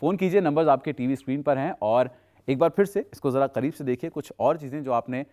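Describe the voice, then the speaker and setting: Persuasive male teleshopping presenter, medium pitch. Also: quick pace, warm tone. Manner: persuasive salesman mixing in English phrases. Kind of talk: unscripted product demonstration pitch.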